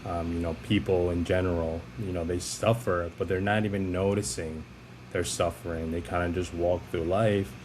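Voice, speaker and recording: A man's voice: deep voice, steady tone, moderate pace, darkish tone, slight background noise. A man hosting an interview, asking long, loosely built questions that wander before landing. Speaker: podcast host.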